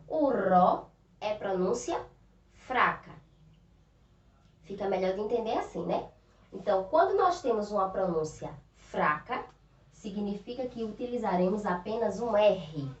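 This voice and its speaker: A Brazilian woman teaching young schoolchildren, speaking slowly and patiently with a Northeastern Brazilian accent and stretching out words and sounds. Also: medium pitch. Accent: Northeastern Brazilian Portuguese. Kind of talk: recorded remote lesson for young children. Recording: roomy, distant, dull lo-fi sound.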